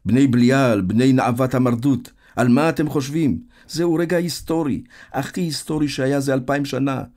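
A man voicing a wild-haired young male fighter who shouts in exalted declamation. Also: medium pitch, voice pushed up, close to an everyday voice. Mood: fervent.

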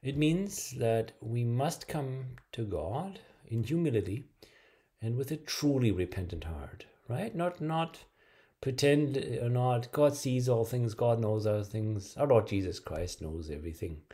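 A man's voice: medium pitch, lively intonation, measured pace, warm tone. A middle-aged man giving a sermon to camera in a small room, hesitant with many fillers and restarts. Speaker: preacher. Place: small bright room indoors.

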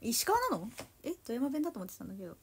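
A woman's voice: fairly high pitch, very animated, rapid-fire, husky. A woman in her twenties from Japan, chatting casually to viewers on a livestream and teasing them in a playfully pouty way. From Toyama, Japan. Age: 20s. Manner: chatty and playfully pouty, calls herself by a nickname. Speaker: idol livestreamer.

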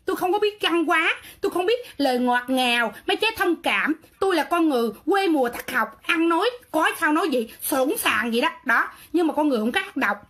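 A woman's voice: sits high, animated, brisk, hardly any pauses, fairly bright tone. A woman with a Southern Vietnamese accent ranting on a livestream, defiant and sarcastic, talking back in a quarrelsome way. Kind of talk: livestream rant.

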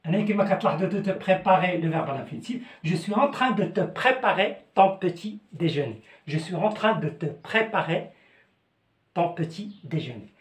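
A man with a Moroccan accent teaching French, slowly repeating phrases and switching between languages. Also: high voice, animated. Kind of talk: language lesson. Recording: echoey room.

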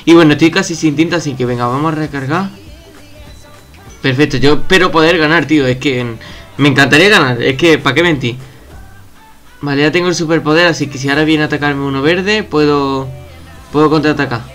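Excitable young gamer, bright voice. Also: male voice, fairly high pitch, a little fast, faint music behind. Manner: excitable, swears and shouts at opponents. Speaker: gaming youtuber. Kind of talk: casual gameplay commentary. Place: at home.

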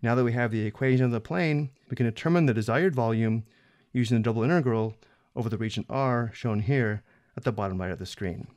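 A man explaining a math problem step by step in a screencast lesson, steady and methodical. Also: mid-range voice, quick pace, no echo. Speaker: math instructor.

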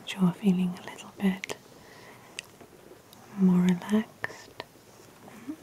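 A woman whispering gentle, reassuring instructions in a slow ASMR massage roleplay. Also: fairly low pitch, level tone, slight background noise. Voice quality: whispering, soft and soothing.

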